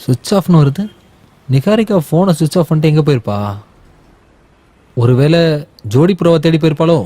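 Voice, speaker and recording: A man's voice: on the high side, fairly quick, dark tone, lightly acted. An actor dubbing a joking young male sidekick who comically mutters to himself. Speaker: hero's comic sidekick friend. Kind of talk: Tamil film dubbing.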